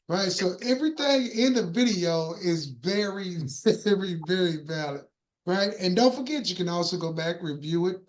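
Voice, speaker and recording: A woman hosting in a casual, slangy, folksy and jocular way. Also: lowish voice. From Texas. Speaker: workshop host. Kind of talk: casual chat.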